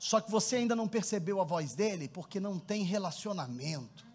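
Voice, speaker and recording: A man preaching a sermon as pastor, telling stories with animated energy and calling on the congregation to answer. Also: high-pitched, fairly quick. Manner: storytelling, animated, laughs often, calls congregation to respond. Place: church hall before a congregation. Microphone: handheld microphone.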